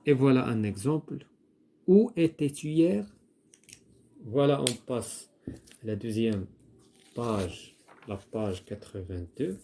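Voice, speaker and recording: Male schoolteacher, slow repetitive explainer, warm low-key tone. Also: slight background noise. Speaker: teacher. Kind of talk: primary-school grammar lesson, writing on a board.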